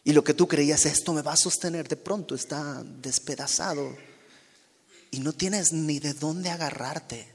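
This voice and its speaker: A man preaching a sermon, expressive, acting out quoted dialogue and dropping to soft, quiet tones. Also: on the high side, unhurried, slightly rough. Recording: long hall reverb.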